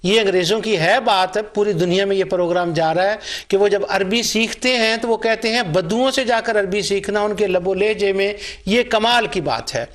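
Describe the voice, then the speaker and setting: A middle-aged Islamic scholar and Quran reciter with a high voice delivers a religious lecture, hardly pausing. He tells anecdotes, acts out remembered dialogue, and drives his points home by repeating them.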